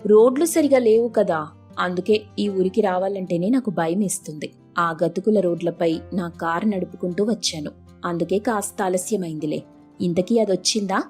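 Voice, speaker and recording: A woman's voice: lowish voice, moderate pace, darkish tone, faint music behind, pitched below the performer's own voice, close to an everyday voice. A woman playing a haughty rich elder sister. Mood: casual. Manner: haughty, boastful and scornful. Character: arrogant rich elder sister, bossy show-off.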